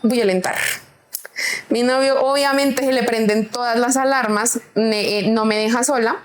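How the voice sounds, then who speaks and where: A young adult woman, guest on an interview, telling a personal story in an animated way and acting out what others said. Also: a little high, a little slow, slight background noise. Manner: animated, acts out quoted voices. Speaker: guest, cultural curator.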